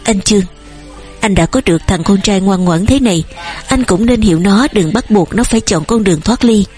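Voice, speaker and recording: Woman reading as a calm older principal. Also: medium pitch, moderate pace, soft background music, close to an everyday voice. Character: older thoughtful male school principal.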